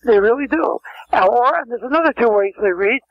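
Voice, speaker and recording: This older interview guest has a very high-pitched, animated voice and talks fairly quickly, rambling through anecdotes with frequent restarts and side tangents in a casual storytelling chat. The recording is dry, yet muffled and lo-fi like a phone line.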